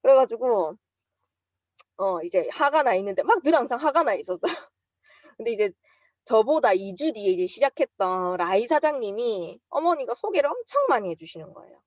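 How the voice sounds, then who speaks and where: A woman's voice: a little high, moderate pace, no room sound, dull audio. A woman with a Busan accent giving a motivational seminar talk, telling stories from her own experience. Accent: Busan Gyeongsang. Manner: lively storytelling, acts out quotes with bursts of emotion.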